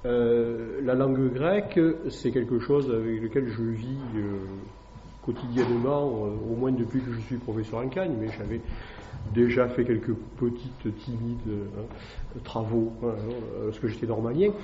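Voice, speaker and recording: A classics teacher whose first language is French gives a hesitant public talk to an evening audience, using many fillers and tag questions. His voice is medium-pitched, dark and steady, and unhurried. The recording is echoey and dull, with a little hiss or hum.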